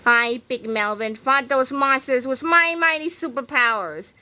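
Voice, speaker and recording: A woman's voice: high-pitched, a little slow, bright, forceful tone, voice pushed up, exaggerated voice. A woman voicing a boastful, self-important boy genius while reading a storybook aloud.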